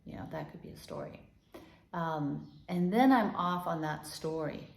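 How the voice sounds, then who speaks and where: A Danish meditation and healing teacher, a gentle woman, guides a body-awareness talk in a reverberant room. Her voice sits low and is gravelly yet animated. She stays gentle and unhurried, softly repeating her guiding phrases.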